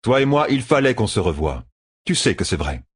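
A man voicing a calm, cheerful young man. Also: on the low side, normal speed, breathy edge, pitched above the performer's own voice, exaggerated voice.

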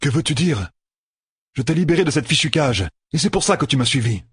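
A blunt, wary young man, as a male narrator voices him in an audiobook. He talks gruffly and to the point, a little higher than the narrator's own voice. The voice sounds husky and dry. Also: animated, fairly quick, no echo. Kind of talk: audiobook character voice.

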